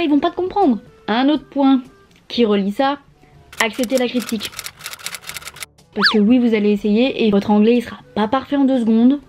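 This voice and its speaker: A woman's voice: a little high, darkish tone. A young woman from France chatting casually in a vlog from her bedroom, slangy and playful, swearing freely, with asides. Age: young adult. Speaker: au pair vlogger. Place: bedroom, sprawled on her bed.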